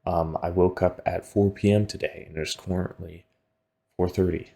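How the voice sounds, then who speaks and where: Game music runs beneath this gaming host's low, gravelly, dark voice, which is slightly rough and fairly even at a moderate pace. He reads visual novel text aloud in a casual let's play, breaking off for jokey tangents.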